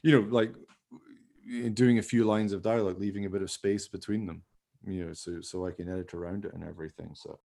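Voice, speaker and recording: Speaking low and steady with a dark tone and vocal fry, this man moves at a brisk clip. He's a podcast host and amateur radio play producer, enthusiastically rambling through a casual chat about his radio play.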